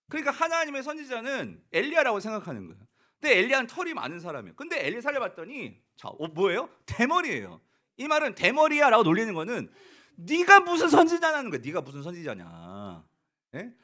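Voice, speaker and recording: A male pastor preaches with a high voice that leaps wildly up and down. He addresses his congregation directly, throws questions at them and acts out the mockers' taunts in their voices. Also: bright, forceful tone. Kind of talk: sermon.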